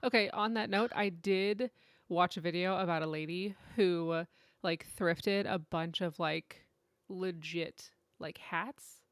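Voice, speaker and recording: A woman with a lowish, clean-toned voice speaks slowly as a podcast co-host in a dry recording. The talk is a casual chat, informal and conversational, and she is often giggly.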